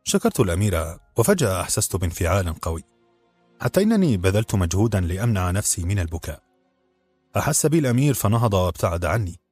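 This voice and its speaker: A man reads a novel aloud in a steady, measured way, his voice very low and husky. Faint music sits quietly behind the narration. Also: no room sound. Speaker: audiobook narrator.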